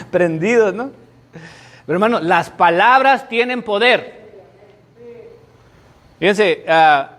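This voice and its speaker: A man's voice: sits high, fairly bright tone. A middle-aged man, a pastor preaching a sermon to his congregation with emphatic, dramatic storytelling. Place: church sanctuary before a congregation.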